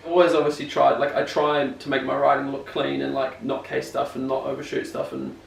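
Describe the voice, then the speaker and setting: A man's voice: medium pitch, little pitch movement, a little fast, gravelly. A young man with a broad New Zealand accent chatting casually as an interviewed rider, rambling, slangy and self-deprecating. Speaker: BMX rider being interviewed. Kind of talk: casual chat. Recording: echoey room, distant mic, faint noise.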